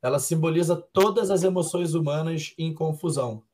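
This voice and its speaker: A young man with a Brazilian accent answers interview questions at an unhurried pace. His voice sits a little higher than most men's, and he talks in a calm, reflective way, musing aloud as he speaks. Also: husky. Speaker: MMA fighter guest.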